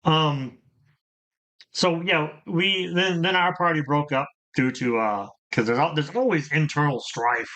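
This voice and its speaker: Bright-voiced middle-aged man telling stories. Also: fairly high pitch, unhurried. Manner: rambling, repeats words, animated storytelling. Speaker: channel host. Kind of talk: casual group chat about gaming.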